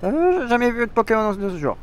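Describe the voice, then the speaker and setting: A man putting on a sly little frog-like creature from a game, squeaking its lines way up high. The voice leaps wildly up and down and rattles along fast, tossing out exclamations as it goes. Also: big pitch swings, slight background noise. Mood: excited. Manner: squeaky, jumpy, exclaiming "dis donc". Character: sly male frog-like Pokémon explorer. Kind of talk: dramatic reading of game dialogue.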